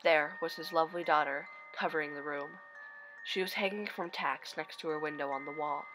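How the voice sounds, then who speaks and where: A woman's voice: deep voice, fairly even intonation, moderate pace, music in the background. A woman narrating a scripted horror story. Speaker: narrator of online horror stories.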